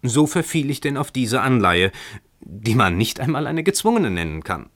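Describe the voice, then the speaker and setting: A man voicing a poor tenant who talks calmly and wryly, defending himself with mock-earnest reasoning in a radio story reading. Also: mid-range voice, moderate pace, pitched above the performer's own voice. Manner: calm, wry, overly reasonable.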